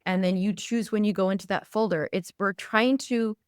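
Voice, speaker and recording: A woman's voice: medium pitch, steady tone, normal speed, clean tone, no echo, studio quality. A woman hosting an interview podcast, reflective and drawing on her own experience as she asks questions. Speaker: podcast host. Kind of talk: podcast interview, casual chat.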